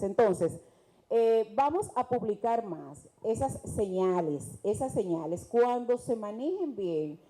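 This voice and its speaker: A woman's voice: a little high, warm tone, poor audio. A Dominican woman with a Dominican Spanish accent, speaking earnestly and emphatically as a mental health specialist on a TV panel. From Dominican Republic. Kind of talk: TV panel discussion.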